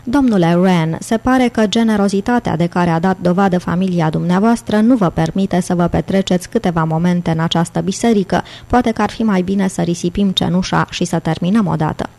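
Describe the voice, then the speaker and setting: An elderly British gentleman scholar, brisk and lordly, speaks with emphasis, as a woman audiobook narrator reads his lines. The voice stays low and mellow. It comes across as a storybook reading. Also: gravelly.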